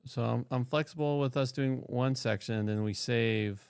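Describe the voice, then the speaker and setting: Smooth-voiced man reading aloud on stream. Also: medium pitch, normal speed, no room sound. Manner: animated, joking asides while reading aloud. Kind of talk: casual gaming chat and scripture reading.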